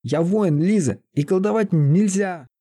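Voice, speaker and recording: An earnest young sorcerer-warrior pleads and urges in a raised voice, as a man narrating a fantasy story plays him. The tone is mellow and a little husky. The pitch is lifted above the reader's own. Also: unhurried. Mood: urgent. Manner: urgent, pleading.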